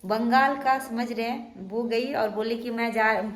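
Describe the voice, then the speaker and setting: A woman's voice: fairly high pitch, steady tone, measured pace, echoey room. A young woman chatting casually to her viewers in a rambling family vlog at home. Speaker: family vlogger.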